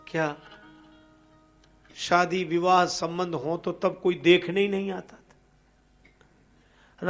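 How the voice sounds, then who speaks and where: A man telling a devotional story and moving between recited verses and spoken narration, with an expressive delivery. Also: fairly high pitch, vocal fry.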